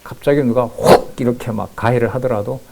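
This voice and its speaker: A male pastor giving a sermon, moving between calm scripture reading and loud, emphatic remarks. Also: medium pitch, a little fast, gravelly.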